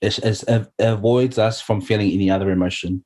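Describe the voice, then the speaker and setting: A man's voice: fairly low pitch, steady tone, brisk, darkish tone. A middle-aged man, sharing his story earnestly and heartfelt as an interview guest, often saying "you know". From New Zealand.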